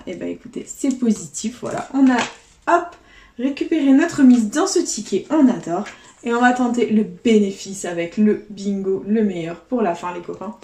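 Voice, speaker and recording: A woman's voice: mid-range voice, warm tone. A woman vlogger chatting casually as she scratches lottery tickets, counting out letters and numbers. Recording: echoey room.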